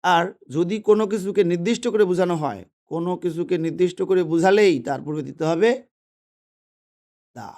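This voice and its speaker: Indoors with a pen in hand, an English teacher explains a grammar lesson in a high-pitched, fairly quick man's voice with a darkish tone. He is patient and repetitive, posing questions and then answering them himself.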